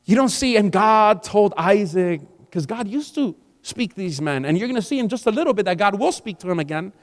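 A man's voice: high voice, expressive, brisk. A man in his forties preaching a sermon in a conversational style, rising to emphatic peaks. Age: 40s. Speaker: pastor. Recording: long hall reverb.

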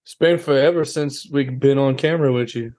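A man's voice: medium pitch, a little fast, darkish tone. A man with a Cajun Louisiana accent, cracking teasing jokes in a casual podcast chat. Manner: joking, teasing banter.

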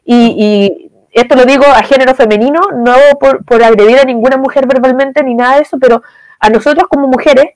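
A young adult woman with a Chilean accent, answering interview questions with lively, acted-out examples. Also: high-pitched, a little fast, no echo. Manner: lively, uses voiced quotes and examples. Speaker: guest expert on positive communication.

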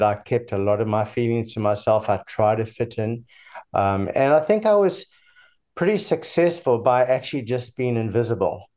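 As an interview guest, this sixty-something man reflects on his life story with hesitation, in a medium-pitched, darkish voice. He has a slightly mixed South African accent.

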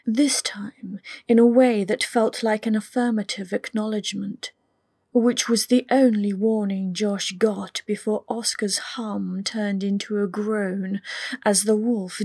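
A woman reading a story aloud as scripted audiobook narration, in a slow, soft delivery that often drops into whispers. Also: mid-range voice, creaky, breathy edge, no room sound, clean studio sound.

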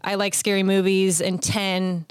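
A woman hosts a casual interview show. She talks informally and chattily at a medium pitch. The sound is dry, with no room echo. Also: flat delivery, measured pace, smooth. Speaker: talk show host.

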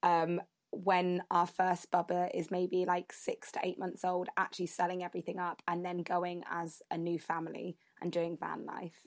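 A woman guest in a casual interview, relaxed and candid. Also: lowish voice, normal speed, few pauses.

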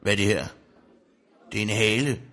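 A man's voice: fairly low pitch, fairly even intonation, sharp tone. A man playing a wary, easily alarmed village priest who talks bluntly and swears mildly in a comic drama. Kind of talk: comic role-play drama.

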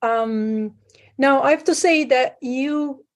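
A woman from Sicily, a guest on a call, talking through her past with many pauses and fillers. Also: sits high. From Sicily, Italy. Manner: hesitant, many fillers, restarts. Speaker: guest, private lender. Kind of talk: conversational interview. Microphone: remote call.

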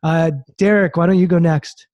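A man's voice: on the high side, steady tone, moderate pace, darkish tone, no room sound, muffled recording. A man moderating a panel, thanking guests and handing over to them, with stammered repeats. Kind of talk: panel discussion.

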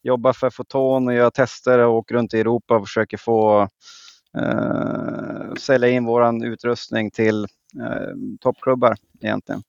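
A man's voice: medium pitch, level tone, vocal fry, clear, resonant tone, no room sound. A man talking as a podcast guest in casual chat, with dry self-deprecating humor. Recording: slightly dull dry sound.

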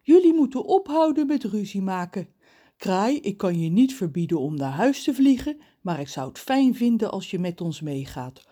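A calm, gentle giant who speaks kindly and reasons with the others, voiced by a woman reading a storybook. His voice stays steady and warm-hearted. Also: mid-range voice, moderate pace. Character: calm gentle male giant, kind leader.

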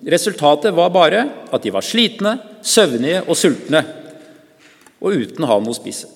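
Mann som preker i kirke med lang etterklang. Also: male voice, fairly high pitch. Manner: calm, measured storytelling with pauses and small restarts. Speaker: preacher. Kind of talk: sermon. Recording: church with long reverb.

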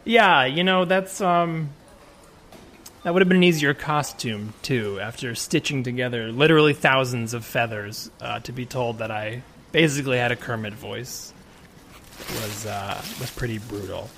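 A man's voice: medium pitch, moderate pace, fairly bright tone. A man playing an awkward, defensive would-be children's actor who rambles and over-explains in an improvised comedy scene.

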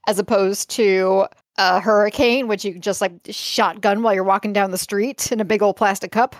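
A woman's voice: mid-range voice, fairly even intonation, moderate pace, no room sound, studio quality. A woman with a Chicago accent co-hosting a podcast in laid-back, wry casual chat. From Chicago area. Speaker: podcast co-host.

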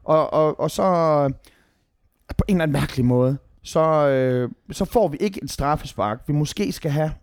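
A man in casual podcast chat about football, animated and swearing often when heated. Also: a little high, clear, resonant tone, no room sound, studio quality. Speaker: podcast co-host, football fan.

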